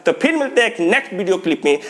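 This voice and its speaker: A man's voice: high-pitched, big pitch swings, rapid-fire. A young man teaching spoken English in a video lesson, drilling phrases by repeating them and chuckling often. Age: young adult.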